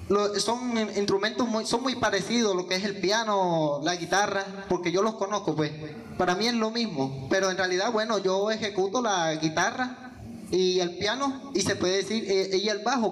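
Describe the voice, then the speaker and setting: In a yellow-walled indoor hall, a young man from Venezuela who's appearing as a guest musician speaks into a handheld microphone for an interview. His high, slightly bright voice is hesitant, with plenty of fillers and restarts, over slight background noise.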